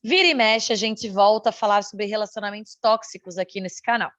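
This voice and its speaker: A woman in her thirties from Santa Catarina, co-hosting a podcast with measured reading and teasing banter. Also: medium pitch, steady tone, a bit bright, dry recording, muffled recording. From Santa Catarina, Brazil. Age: 30s. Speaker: podcast co-host. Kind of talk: podcast chat and scripted reading.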